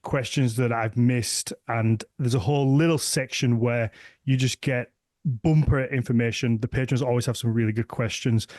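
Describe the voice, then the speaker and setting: A man's voice: mid-range voice, darkish tone, dry recording, clean studio sound. A man hosting a podcast, talking in a friendly, easygoing way. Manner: friendly, easygoing, fills with "okay". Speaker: podcast host. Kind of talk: casual podcast chat.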